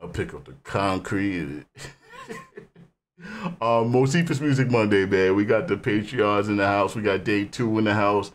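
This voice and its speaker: A low-voiced man hosting a reaction channel. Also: normal speed. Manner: rambling and animated, with repeated filler "man". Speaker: music reaction host. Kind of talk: casual reaction commentary.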